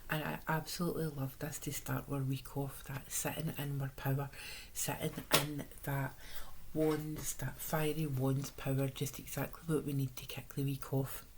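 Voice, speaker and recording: A Scottish woman speaks in a low voice made hoarse by a sore, swollen-sounding throat. She chats casually as a tarot reader, drifting into little asides. A light background noise sits behind her. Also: flat delivery, moderate pace. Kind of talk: casual chatty tarot reading.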